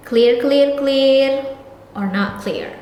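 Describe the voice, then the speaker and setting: A woman with a high voice gives a live-streamed grammar lesson. She talks quickly and slips between two languages. Her voice rings in a very echoey room with a long reverb tail. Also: a little mellow, slight background noise. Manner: fast-talking, mixes Indonesian with English; calls viewers "sayang" affectionately. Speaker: English teacher.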